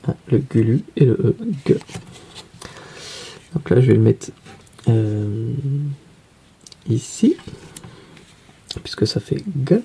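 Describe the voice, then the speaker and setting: A man teaching young children to read, explaining each card slowly and patiently and asking questions as he goes. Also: fairly low pitch, animated, vocal fry, dark tone, slight background noise. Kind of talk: reading lesson for young children.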